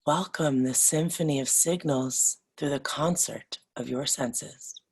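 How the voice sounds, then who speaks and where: A yoga nidra meditation guide leads a session in a low, breathy, rough voice. She speaks very slowly and deliberately, with long pauses between short phrases, and stays soothing and instructional throughout.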